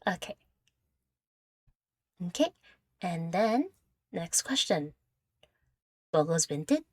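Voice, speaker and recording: Very slow and sing-song, her lowish, darkish voice carries a casual Q&A where this young creator rambles, giggles and jokes at her own expense. She's close to the mic, and the recording is dry.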